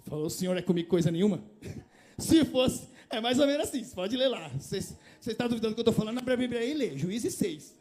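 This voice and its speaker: A man's voice: very high-pitched, expressive, fairly quick, a little mellow. A man preaching a conversational sermon in a church, asking his congregation rhetorical questions and rising to passionate appeals. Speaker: pastor.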